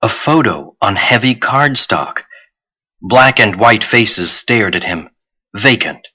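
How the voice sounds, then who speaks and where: A man narrating a young-adult novel audiobook in a steady, clear storytelling manner. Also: fairly low pitch, rough recording. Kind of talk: scripted narration.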